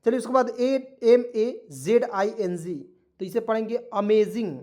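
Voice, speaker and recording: A man's voice: sits high, measured pace, darkish tone. Hindi-accented man teaching English, repetitive. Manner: repetitive, keeps asking "ठीक है" and quizzing; spells words letter by letter. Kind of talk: online spoken-English lesson.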